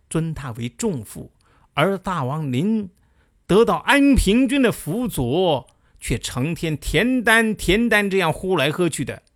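A man's voice: high voice, dry recording, clean studio sound, voice pushed up, heavily acted. A man voicing a frank, bold ancient advisor who admonishes his king pointedly.

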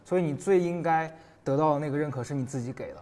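Male co-host, high voice, earnest and playful, casual chat in a hall with faint music. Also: fast, warm tone. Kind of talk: casual chat over a meal.

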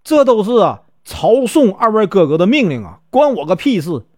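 A man's voice: high voice, big pitch swings, normal speed, dry recording, clean studio sound, pitched above the performer's own voice. A man voicing Li Kui, a blunt, hot-tempered brutal outlaw, in a told story. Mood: defiant. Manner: blunt, defiant.

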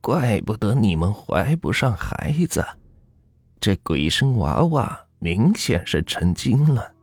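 A man putting on a slow, grave old grandmother. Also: fairly low pitch, big pitch swings, creaky, darkish tone, husky, no echo, soft background music, pitched above the performer's own voice, heavily acted. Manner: slow, heavy, grave speech. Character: old village grandmother, stern and sorrowful.

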